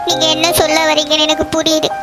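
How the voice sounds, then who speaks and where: Cartoon heroine, nervous young woman in love, very high soft voice, voiced by a woman, loud music under it. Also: monotone, fast talker, lightly acted. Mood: tender. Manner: tearful then flustered pleading. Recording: loud background music over dialogue.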